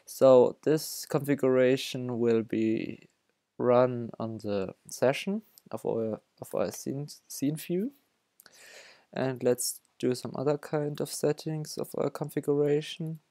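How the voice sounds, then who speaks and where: A young man from Germany hosts a developer tutorial, speaking over his screen with a German accent in a medium-pitched, mellow voice. The recording is dry. He speaks haltingly, frequently stopping to restart and correct his sentences.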